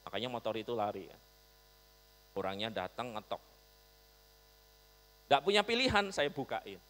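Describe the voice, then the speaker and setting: A male pastor preaching a storytelling sermon, animated, swinging from loud to soft. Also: mid-range voice, normal speed. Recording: long reverb, mains hum.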